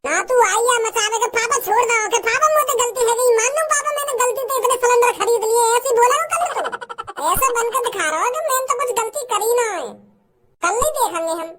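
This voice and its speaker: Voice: very high voice, quick pace. A performer voicing a defiant, crude village young man in a cartoon. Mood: crude scorn. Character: cocky rough-talking village young man. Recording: loud crowd noise behind.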